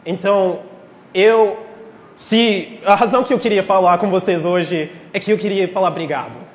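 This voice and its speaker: A man's voice: high-pitched, moderate pace. A man from Texas, a native English speaker, preaching in Portuguese with an American accent in a heartfelt, informal way. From Texas, United States. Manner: heartfelt, emotional, playful asides. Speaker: guest preacher. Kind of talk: informal sermon to a congregation, with prayer. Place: speaking live in a church. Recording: echoey church hall, long reverb, faint noise.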